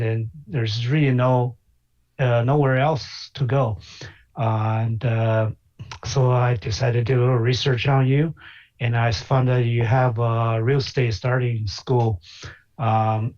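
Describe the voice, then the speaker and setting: The slightly dull call audio carries a medium-pitched, a little mellow male voice belonging to a Chinese physician and investor being interviewed. He hesitates a lot, filling gaps with pauses.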